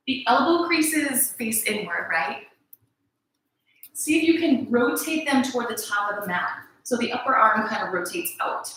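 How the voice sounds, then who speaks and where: A yoga instructor with a bright, clear, rather high voice guides a flow class, calling out poses in a calm, encouraging way. She often checks in with a "right?", and her voice rings through a very echoey room.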